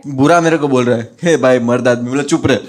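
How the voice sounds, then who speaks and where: A man doing stand-up, telling a childhood story in an animated way and acting out his friends' voices. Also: mid-range voice, quick pace, over a noisy crowd. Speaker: stand-up comedian.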